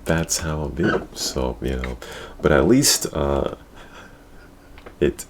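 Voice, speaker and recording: A man with a bass voice hosts a casual gaming talk show, speaking slowly with lively intonation in a crude, slangy way and repeating his catchphrases. The recording is clear despite background noise.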